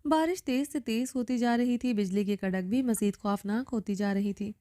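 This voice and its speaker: Woman narrator for a novel reading, fairly high, mellow, dramatic. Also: no echo, clean studio sound. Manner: dramatic, measured storytelling.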